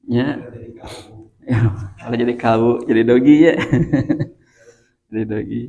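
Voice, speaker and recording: Sundanese-accented male preacher, raspy fry, warm dark voice, talks straight to the congregation. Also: mid-range voice, fairly even intonation, takes it slowly, highs cut off. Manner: chatty, laughs often, addresses listeners directly. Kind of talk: religious study talk.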